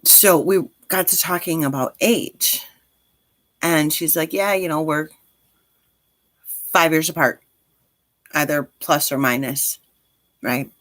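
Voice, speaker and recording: Hosting a livestream, a woman in her forties chats casually and speaks directly to listeners, sounding encouraging and reassuring. Her low, slightly bright voice moves slowly with frequent pauses, and there's no room sound.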